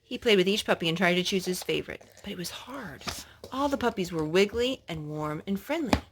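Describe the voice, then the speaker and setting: Reading a picture book to a child, this female narrator is animated and breaks off to explain and pose questions. Her pitch is fairly low, and there's a slight hiss or hum in the recording.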